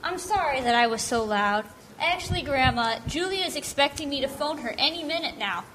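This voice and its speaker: A woman's voice: high-pitched, animated, fairly quick, fairly bright tone, slight background noise. Woman playing a sassy teenage granddaughter. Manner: sassy and snappy. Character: sassy teenage granddaughter, quick to snap back. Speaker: church member in a skit. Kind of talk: amateur church skit acting.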